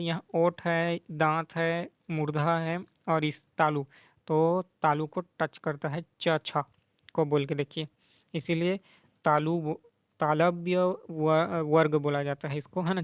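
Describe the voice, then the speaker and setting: A man teaching grammar, explaining quiz answers slowly and repeating letters aloud, often asking "है ना?" and mixing in English words. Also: on the high side, little pitch movement, smooth, dry recording, lo-fi sound. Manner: slow, repetitive, checks in with "है ना?"; sounds out letters slowly to demonstrate.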